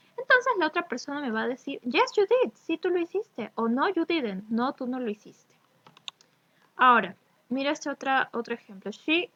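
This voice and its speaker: Patient teacher, slow careful examples. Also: female voice, sits high, fairly bright tone. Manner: reads English examples slowly and carefully, then explains in Spanish; checks often with "¿ok?" and "¿ya?". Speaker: English teacher; addresses students as chicos. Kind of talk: recorded remote lesson explaining grammar. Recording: dry, slightly dull recording.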